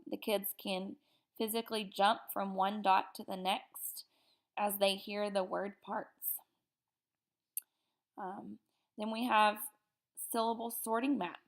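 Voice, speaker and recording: A woman giving an upbeat slide presentation to teachers, often pausing on fillers. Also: medium pitch, creaky. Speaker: teacher educator. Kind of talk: presentation lecture over slides.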